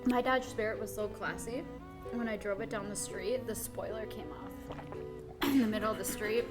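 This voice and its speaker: A woman's voice: mid-range voice, fairly even intonation, normal speed, loud music behind the voice. A woman interviewing a co-worker during a hot wings challenge, giggling often and asking one question after another. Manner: giggly, asks lots of questions.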